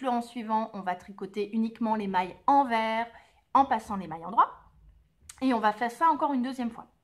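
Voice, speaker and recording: A woman at a middle pitch talks through her knitting projects in a relaxed, chatty tutorial. She explains step by step, fills pauses with hesitations and corrects herself as she goes. She moves nearer to and farther from the camera while she holds up her knits, so her level drifts. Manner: chatty, explanatory, many fillers and self-corrections. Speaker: knitting podcast host. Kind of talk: casual knitting tutorial and chat. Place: indoors by a sunny window.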